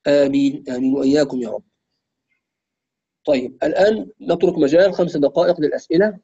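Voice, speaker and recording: A high-voiced man with an Egyptian accent teaches Quran recitation, pausing to chant slow, drawn-out examples. His tone is mellow and warm, and the audio is a bit dull and lo-fi. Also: steady tone. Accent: Egyptian Arabic. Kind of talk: online tajweed lesson.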